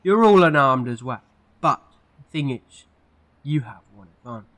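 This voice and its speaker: A man's voice: mid-range voice, lively intonation, moderate pace, fairly bright tone, lightly acted. A man playing an eccentric, protective time-travelling hero in an amateur audio drama, earnest and theatrical in delivery. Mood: earnest resolve.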